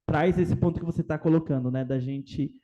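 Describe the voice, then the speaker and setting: A man's voice: fairly high pitch, fairly quick, warm tone. A man with a Brazilian Portuguese accent adding a casual, conversational comment during a talk. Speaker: audience member adding a comment.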